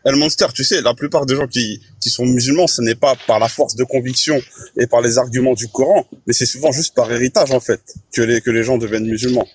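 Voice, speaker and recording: A man's voice: medium pitch, a little fast, a little hiss or hum. A man earnestly making his case as a caller in a live-stream debate, often checking that he is understood. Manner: earnest, explanatory, asks "you see what I mean".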